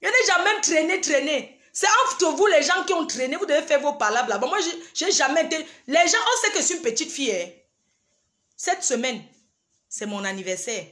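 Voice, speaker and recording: A woman's voice: high voice, bright, forceful tone, reverberant. A woman, ranting on a livestream and scolding her rivals directly. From Cameroon. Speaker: livestream host. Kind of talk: heated livestream rant.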